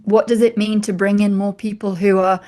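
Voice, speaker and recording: A woman author as an interview guest, giving measured, reflective answers that build points in lists. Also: medium pitch, flat delivery, mellow.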